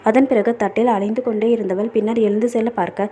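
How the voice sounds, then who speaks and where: Woman reading a story chapter, steady even pace, warm mellow tone. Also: fairly high pitch, quick pace, a little hiss or hum. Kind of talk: novel reading.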